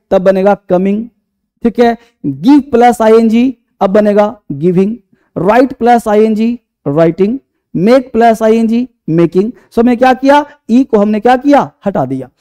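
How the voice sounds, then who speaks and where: With an extremely high-pitched yet mellow voice, this male English teacher leads a class. He fires questions at students, supplies the answers himself, goes over every point twice, and addresses them with terms of endearment.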